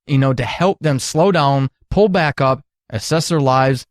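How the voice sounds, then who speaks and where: In a medium-pitched, unhurried voice, a middle-aged man recounts candid stories at length on a podcast, earnest and emphatic in his phrasing. He is a retired military counselor, recorded in studio quality with no echo.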